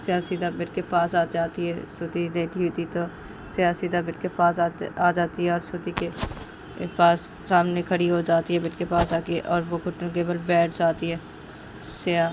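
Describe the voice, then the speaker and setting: A woman's voice: fairly low pitch, completely flat delivery, moderate pace, background noise. A woman telling a romance story, linking events with repeated connecting words in a plain narrating voice. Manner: repetitive, linking clauses with "then".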